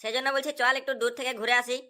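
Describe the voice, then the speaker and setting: Bright high woman voicing a cartoon cast. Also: level tone, rapid-fire. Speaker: voice actor for all cartoon characters. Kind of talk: cartoon voice acting.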